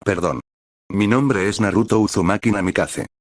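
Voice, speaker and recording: A man voicing a calm, direct teenage boy ninja hero in a fan-fiction reading. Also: fairly low pitch, normal speed, no room sound, lightly acted. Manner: calm, steady, matter-of-fact.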